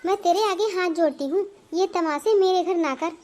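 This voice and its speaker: A woman voicing a proud, stubborn older mother-in-law in a cartoon, nagging and lecturing in a very high voice. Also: normal speed, darkish tone. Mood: scolding. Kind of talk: Hindi cartoon voice acting.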